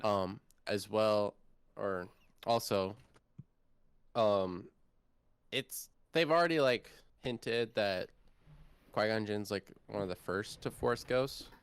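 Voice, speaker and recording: A young man co-hosting a casual fan podcast, talking excitedly and filling his sentences with "like". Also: fairly low pitch, takes it slowly, long pauses, clean tone, no room sound. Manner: excitable, filler-heavy, says "like" often. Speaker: podcast co-host. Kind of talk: casual chat.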